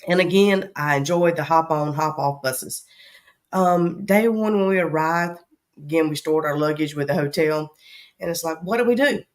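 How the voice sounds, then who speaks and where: Hosting a travel vlog, a Southern-accented woman chats casually and rambles, with frequent ums. Allergies make her low voice scratchy, and she talks at a moderate pace.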